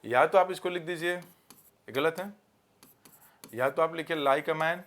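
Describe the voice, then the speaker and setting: In a fairly bright, slightly high voice, a male teacher who speaks Hindi covers grammar for exam preparation. His explanations mix Hindi and English, and he takes examples slowly.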